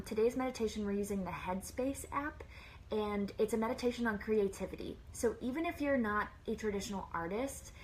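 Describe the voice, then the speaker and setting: A woman's voice: medium pitch, slight background noise, low-quality recording. A woman hosting a casual live stream from a plain room, chatting and greeting viewers one by one by name.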